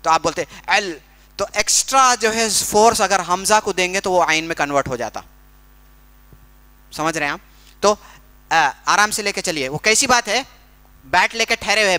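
Bright, high-voiced male recitation teacher. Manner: explains pronunciation patiently, using everyday comparisons; demonstrates recitation slowly and drawn out. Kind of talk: recitation workshop lesson.

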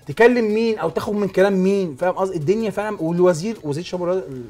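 A man's voice: high-pitched, racing, dark tone. A man with an Egyptian Arabic accent hosting a sports talk show, explaining points emphatically, step by step.

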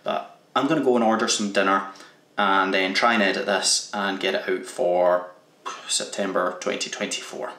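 Sarcastic man with a lowish voice. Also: fairly even intonation, normal speed, bright, forceful tone, roomy sound. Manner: sarcastic, self-deprecating, sweary. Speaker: vlogger. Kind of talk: casual vlog outro. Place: home games room indoors.

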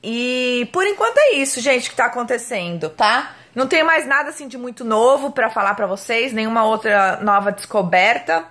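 A woman's voice: on the high side, animated, moderate pace, few pauses, a bit bright. A woman, chatting casually to viewers in a home vlog as a mother, with frequent tag questions. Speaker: mother and vlogger.

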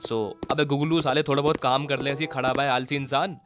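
A man's voice: medium pitch, level tone, quick pace, over music. A young man, a gaming YouTuber, teasing and bossing his friend around while commentating gameplay. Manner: teasing, bossy banter.

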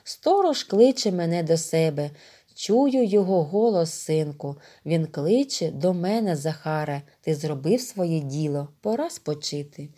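A woman voicing a dying old village elder, calm and wise, who speaks weakly and solemnly. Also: deep voice, unhurried. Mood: tender. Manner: weak, quiet, solemn speech.

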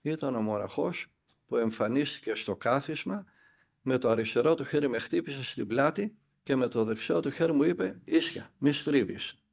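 An older man, an elder monk, tells a spiritual story and acts out the dialogue with lively emphasis. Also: medium pitch, vocal fry.

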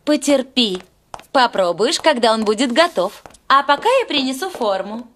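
A woman voicing a gentle, patient mother in a cartoon dub who soothes the children. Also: fairly high pitch, animated, moderate pace, slight background noise. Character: kind, patient mother baking a pie. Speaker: dub voice actor.

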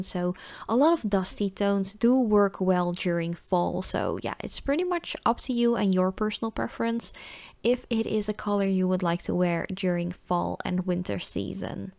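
Her voice is medium-pitched and creaky, recorded with no room sound, as she casually reviews nail polish. She's a native Dutch speaker with a Dutch accent and keeps the tone chatty and informal.

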